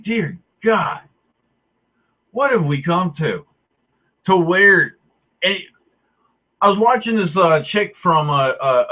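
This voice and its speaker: A ranting man on tinny, phone-like audio. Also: a little high. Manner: heated, profane, sarcastic. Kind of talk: angry ranting monologue.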